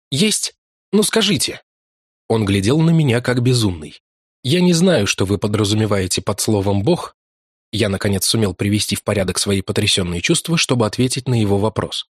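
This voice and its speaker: A man narrating a fantasy adventure audiobook in measured, even storytelling, close to the mic in a studio. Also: on the low side, breathy edge, no echo. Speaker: audiobook reader. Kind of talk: scripted literary narration. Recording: dry close studio sound.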